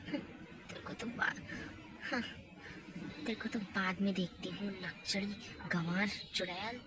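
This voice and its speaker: A woman's voice: medium pitch, slow, voice pushed down, lightly acted. A woman voicing a jealous, scheming young woman who sneers and slips English phrases into her talk in a hobby doll mini-movie. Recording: noisy home recording.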